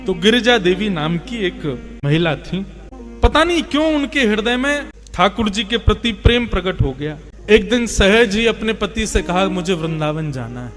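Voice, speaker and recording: A man narrating a devotional story in an expressive, reverent way. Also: sits high, normal speed, faint music behind.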